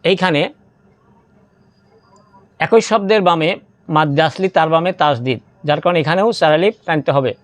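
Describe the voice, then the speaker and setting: A man teaching Quran reading, slowly spelling out Arabic syllables in step-by-step drills and drawing out recited words. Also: a little high, no echo.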